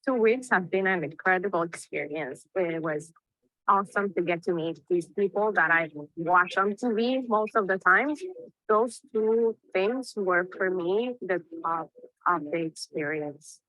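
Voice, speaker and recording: A woman's voice: on the low side, a little slow, fairly bright tone, no echo. A woman from Cuba, a student, giving an enthusiastic testimonial in a promotional video interview. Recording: dull, dry promo audio.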